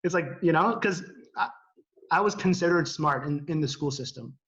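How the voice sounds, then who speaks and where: Male co-host from Canada, higher register, animated informal storyteller, video-call sound a little muffled. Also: normal speed. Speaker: live stream co-host. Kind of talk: casual chat. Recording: slightly dull video-call audio.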